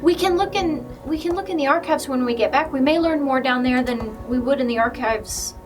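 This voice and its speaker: A woman's voice: sits high, brisk. A woman chatting casually as a player in a tabletop game. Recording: music behind the voice.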